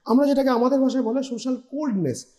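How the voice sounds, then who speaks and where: A man's voice: very high-pitched, fast, warm tone. A male doctor, patiently explaining a health topic point by point on a TV interview and mixing in English terms.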